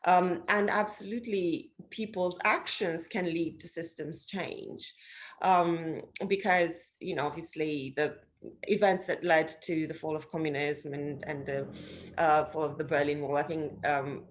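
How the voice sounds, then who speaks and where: Measured woman in her forties, from Romania. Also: sits low, steady tone. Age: 40s. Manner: hesitant, many fillers and restarts. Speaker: interview guest, social investor. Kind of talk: thoughtful conversational interview.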